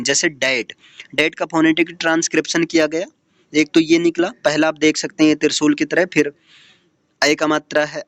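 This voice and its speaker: A man's voice: a little high, dry recording. A male teacher giving an exam-prep lecture from slides, explaining step by step and often checking in with his students.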